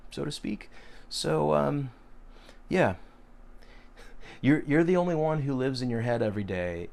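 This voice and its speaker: Man, late 30s, low-pitched and gravelly, frank rambling host reading and answering viewer questions. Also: darkish tone, a little hiss or hum. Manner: rambling, frank, with frequent fillers and restarts. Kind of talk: casual live Q&A.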